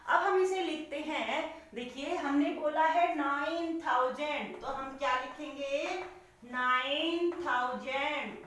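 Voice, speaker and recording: A woman teaching young children in a classroom lesson, slow and patient. She repeats each question and answers it herself. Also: high-pitched, a bit bright, a little hiss or hum. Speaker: primary school teacher. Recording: very echoey room, voice from far off.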